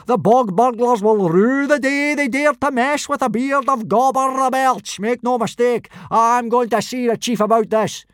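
A man's voice: very high-pitched, moderate pace, hardly any pauses, no room sound, clean studio sound, pitched above the performer's own voice. A man voicing a hot-tempered male Viking teacher who bellows his threats. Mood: raging. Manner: bellowing, furious.

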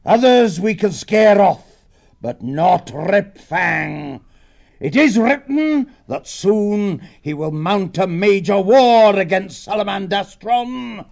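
A man voicing a huge, fierce old male badger lord who speaks slowly and gravely. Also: expressive, darkish tone, full character voice. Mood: stately. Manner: slow, booming and grave. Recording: dull lo-fi audiobook recording.

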